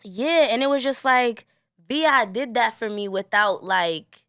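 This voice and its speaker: A woman's voice: on the high side, measured pace, clean tone, no room sound, studio quality. A woman guest on a podcast, telling a story with lots of energy and acting out the voices of the people in it. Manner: lively storyteller, acts out quotes. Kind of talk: casual chat.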